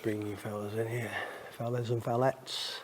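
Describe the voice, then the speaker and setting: A man's voice: lowish voice, level tone, normal speed, background noise. A man filming himself in a slate mine, chatting casually with viewers and sometimes out of breath. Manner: chatty, laughs often, addresses viewers as folks. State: out of breath at times. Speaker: channel host filming underground. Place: inside a large slate mine. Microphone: handheld camera mic.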